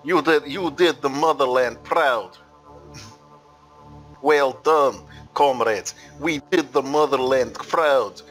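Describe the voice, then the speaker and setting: Man putting on a mock Russian comrade, over-the-top patriotic, bright tone. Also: mid-range voice, slow pace, soft background music, rough recording. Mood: proud. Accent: put-on Russian.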